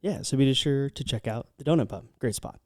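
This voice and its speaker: A man's voice: medium pitch, brisk, a little mellow, no echo, studio quality. An American man co-hosting a podcast, chatting casually as he gives travel recommendations. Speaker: podcast co-host.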